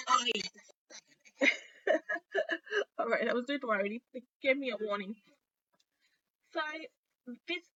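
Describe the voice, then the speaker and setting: A woman hosting a casual live craft tutorial, sounding nasal and a little sick, chatting in a halting way with many pauses. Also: fairly high pitch, sharp tone, a little hiss or hum. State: under the weather with a stuffy, sick-sounding voice. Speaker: host of a weekly craft livestream. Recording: dull, lo-fi livestream audio.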